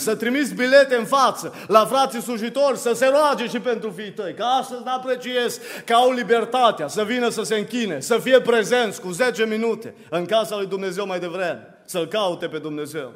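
A man preaching a sermon in a church, emphatic and repetitive, his voice rising to louder peaks. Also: very high voice. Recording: long reverb of a church hall.

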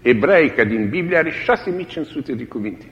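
A man's voice: on the high side, expressive. A man preaching a sermon in a dramatic way, repeating key phrases for emphasis. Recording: echoey hall, dull lo-fi old recording.

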